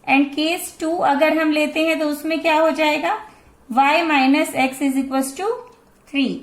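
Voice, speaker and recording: A woman's voice: high voice, little pitch movement, slow, roomy sound. A woman in her forties with an Indian accent, teaching a math lesson and patiently explaining a problem step by step, switching between Hindi and English. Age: 40s.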